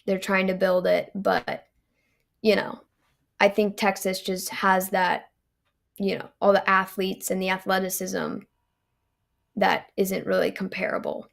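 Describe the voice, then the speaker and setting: A young woman talks sports in an easygoing podcast chat. Her voice sits in a flat, narrow pitch band with a gravelly fry underneath. She keeps it loose, dropping plenty of ums and you knows. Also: measured pace, long pauses. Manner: relaxed, frequent "um" and "you know". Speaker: guest volleyball analyst.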